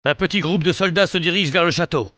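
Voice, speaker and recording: A man's voice: fairly high pitch, fast, bright, forceful tone, dry recording. A man playing an alert medieval castle lookout in a strategy game, urgently reporting on the enemy. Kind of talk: scripted game announcements.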